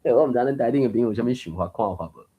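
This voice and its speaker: A man's voice: medium pitch, lively intonation, rapid-fire, breathy edge, phone-quality sound. A man with a Taiwanese accent hosting a book reading group, explaining pronunciation in a chatty, digressive way and thinking aloud. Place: online reading room.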